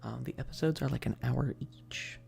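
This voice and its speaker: This ASMR streamer talks in a mid-range, breathy tone at a moderate speed, frequently sinking to a whisper. Her chat is casual, meandering, hesitant and self-deprecating, with a faint hiss or hum on the recording.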